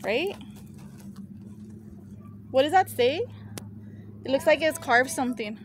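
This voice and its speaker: A woman's voice: high-pitched, lively intonation, slow pace, a little hiss or hum. A woman chatting casually as she explores, recorded on a handheld phone. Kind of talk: casual chat while exploring. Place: abandoned farm buildings and open yards. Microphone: handheld phone, speaker behind the camera.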